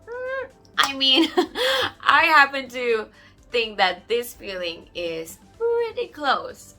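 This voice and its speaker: A young woman from Sri Lanka, a singer-songwriter, speaking casually to camera in a warm, grateful way. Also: high voice, big pitch swings, slow, soft background music. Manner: warm, grateful, often laughing softly.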